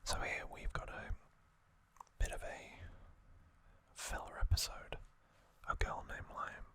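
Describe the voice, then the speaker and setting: An ASMR host gives commentary in a breathy, unvoiced whisper with a bright, forceful tone. She speaks slowly and deliberately in short phrases broken by pauses.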